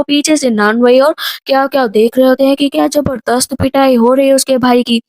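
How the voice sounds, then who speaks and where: Brief: high-pitched woman, drama recap narrator, voices characters in passing, dry close sound. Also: a little mellow, no room sound. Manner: quick narration, briefly voicing each character's lines.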